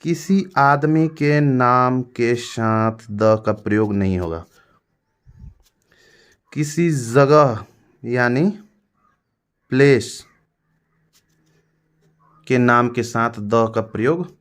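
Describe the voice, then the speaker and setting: A man's voice: mid-range voice, clear, resonant tone. Hindi-accented male grammar teacher. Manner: explains step by step, repeating words slowly. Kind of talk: classroom lesson.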